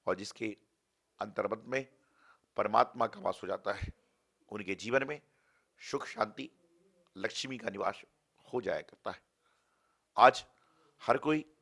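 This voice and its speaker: A man's voice: fairly low pitch, a bit bright. A male Jain monk giving a sermon, emphatic, with rhetorical questions and repeated phrases.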